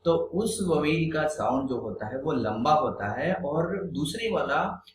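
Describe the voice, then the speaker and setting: A man teaches an English grammar lesson, reading words one by one and explaining them in Hindi mixed with English phrases. His voice sits a touch high and he speaks very slowly and deliberately. The room rings with echo over a faint hum. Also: lively intonation. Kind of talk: classroom-style grammar lesson.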